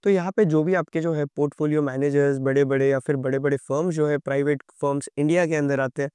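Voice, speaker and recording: Young male finance explainer, rapid and casual, a bit hoarse today, close dry sound. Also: fairly high pitch, steady tone, dark tone, dry recording. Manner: conversational, addresses viewer directly. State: sore throat. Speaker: stock market educator.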